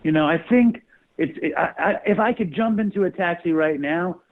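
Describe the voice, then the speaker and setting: Male guest on a remote call, tinny phone audio, talks in halting, hesitant bursts. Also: high-pitched. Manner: hesitant and halting, full of ums and restarts. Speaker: podcast guest. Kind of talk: casual interview chat.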